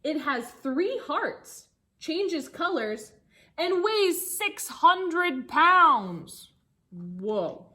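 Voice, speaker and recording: Her voice is high, sing-song, pushed and bright as she reads a rhyming picture book aloud to kids. The teacher breaks off with short asides to keep the children engaged.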